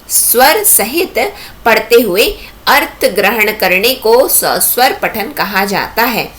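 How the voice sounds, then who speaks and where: A woman's voice: on the high side, fairly bright tone. A woman teaching an exam-prep lecture, explaining step by step and asking herself rhetorical questions.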